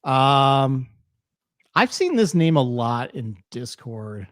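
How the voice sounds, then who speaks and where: A man's voice: mid-range voice, sing-song, slow, no room sound, clean studio sound. A man co-hosting a podcast in casual chat, loose and easygoing, laughing often. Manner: chatty, laughs easily, loose pacing with fillers. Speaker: podcast co-host.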